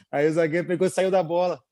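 This is a relaxed young man from Brazil, a goalkeeper. His voice is warm and mellow, recorded dry and close. He chats loosely with plenty of fillers and quick laughs. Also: high voice, no echo. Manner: relaxed, chuckling, many fillers. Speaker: goalkeeper abroad, interview guest. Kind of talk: casual interview chat.

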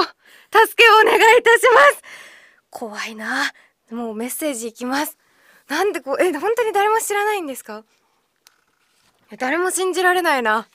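High-voiced chatty radio host with a slight Okinawan accent. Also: female voice, fairly bright tone, no echo, clean studio sound. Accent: slight Okinawan Japanese. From Okinawa, Japan. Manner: chatty, playful, many filler pauses. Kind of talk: casual radio chat reading listener letters.

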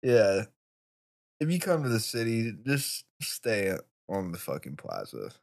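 A man's voice: on the low side, wildly swooping pitch, a little slow, vocal fry, darkish tone. A man hosting a podcast in casual chat, laid-back and profane. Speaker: podcast host.

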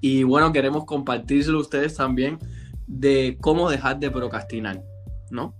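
A man co-hosting a casual chat, relaxed and slangy, laughing easily. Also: medium pitch, moderate pace, faint music behind. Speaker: podcast co-host.

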